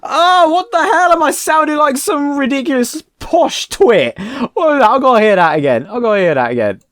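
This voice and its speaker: A man's voice: extremely high pitch, lively intonation, moderate pace, fairly bright tone, no echo, clean studio sound. A man reacting to his own old video, laughing at himself and exclaiming. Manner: self-mocking, exclaiming. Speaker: channel host.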